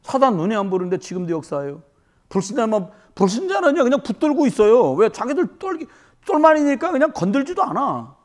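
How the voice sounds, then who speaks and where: A woman's voice: on the high side, very animated, brisk, darkish tone. A woman pastor preaching a sermon at a church service, firing rhetorical questions at the congregation.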